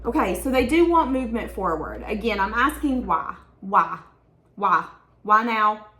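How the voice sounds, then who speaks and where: A woman's voice: mid-range voice, animated, a little slow, sharp tone, reverberant. A woman giving a tarot reading to her viewers, talking in an emotional, rambling, repetitive way. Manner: emotional, stream-of-consciousness, repeats herself. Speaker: tarot reader.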